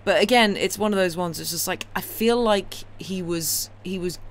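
Speaking at a moderate pace in a lowish voice, a woman reads classic novels on a livestream and rambles casually to her viewers. She's wry, enthusiastic and opinionated. Clear, steady noise runs behind her.

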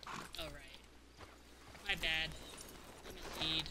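A woman's voice: low-pitched, slow pace. A young woman streaming a game, chatting casually, swearing and talking to her horse. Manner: laid-back, swears, talks to her horse. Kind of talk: casual gaming chat. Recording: noisy stream audio.

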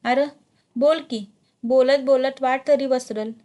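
Storybook role: gentle elderly village man, read by a woman, soothing and slow. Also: high voice, steady tone. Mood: consoling. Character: old male village elder, gentle and consoling.

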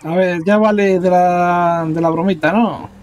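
A man heard through a phone line as he answers a call, talking loudly in a guarded, suspicious way. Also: high-pitched, steady tone, unhurried. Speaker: prank call target.

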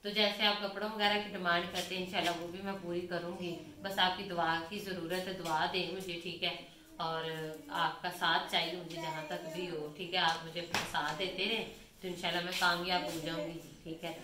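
A Pakistani woman vlogs casually at home on her phone, moving in and out of doors and rambling to viewers in one breath while repeating "theek hai" constantly. Her voice is on the low side and a little fast, level but sharp in tone. The recording has an echoey room sound, faint ambience, and a slight hiss or hum.

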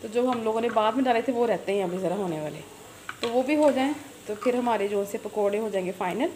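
A woman's voice: on the high side, fairly quick, darkish tone, a little hiss or hum. A woman, a cooking channel host chatting viewers through a recipe in her home kitchen, filmed on a phone camera. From Pakistan. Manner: chatty, repeats filler phrases, addresses viewers directly.

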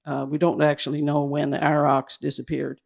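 A man giving a slide presentation at a public event indoors, talking in a hurried, halting way that keeps restarting its phrases. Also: a little high, completely flat delivery, vocal fry. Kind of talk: slide presentation to a live audience.

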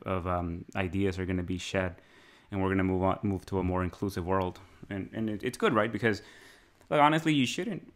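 A man co-hosts a podcast, his voice lowish but fairly bright in tone. Raised in Mexico, he chats casually, rambling and musing as he goes, and laughs often.

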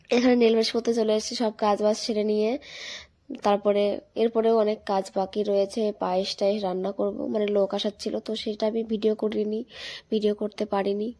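A young woman with a hoarse, cracking voice, chatting casually and rambling as she narrates her home vlog. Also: mid-range voice, level tone, a little fast, dark tone. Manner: chatty, rambling, many fillers. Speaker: vlogger. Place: voice-over recorded later at home.

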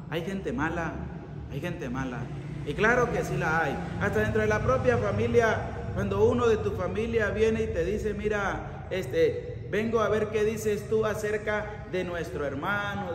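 Priest preaching in an echoey church. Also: male voice, sits high, slight background noise. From Venezuela. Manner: earnest preaching, emphatic and rising on key warnings. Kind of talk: sermon. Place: church chapel by an ornate altar. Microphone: fixed camera at mid distance. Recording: echoey church with long reverb, faint ambience.

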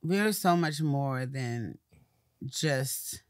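A woman's voice: a bass voice, drawn-out words, dry recording. Brief: woman guest, light lisp, easygoing interview chat, dry close sound. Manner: relaxed, conversational, fillers like "you know". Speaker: guest, publicist. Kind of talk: casual interview conversation.

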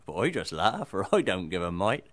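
A man's voice: big pitch swings, moderate pace, fairly bright tone. Guy reciting a funny yarn, rustic delivery, voice swoops up and down a lot. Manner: broad rustic delivery with sweeping swings in pitch. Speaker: folk storyteller. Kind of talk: comic dialect recitation.

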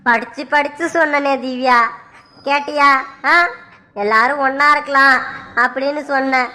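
A woman's voice: sits high, steady tone, moderate pace, pushed and bright. A woman voicing a regretful family member in a family cartoon, speaking earnestly to console a tearful wife. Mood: scolding. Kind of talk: Tamil family cartoon voice acting.

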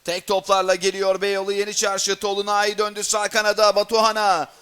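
Male football commentator. Very high, bright voice, excitable live play-by-play that breaks into screaming at big moments. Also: fairly quick, clean tone. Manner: shouts and screams at goals and chances.

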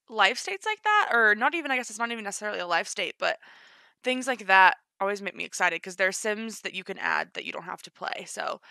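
A woman reacting to a game trailer, gushing and excitable, gasping often. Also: mid-range voice, dry recording, studio quality. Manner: gushing, excitable, frequent gasps. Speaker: gaming youtuber. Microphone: home desk mic, no face cam.

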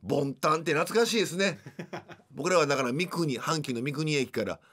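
A man's voice: on the high side, a little fast, a bit bright. A man in his fifties with a Kansai accent, hosting a casual radio show from a studio, telling stories and often laughing mid-sentence. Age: 50s. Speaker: radio host.

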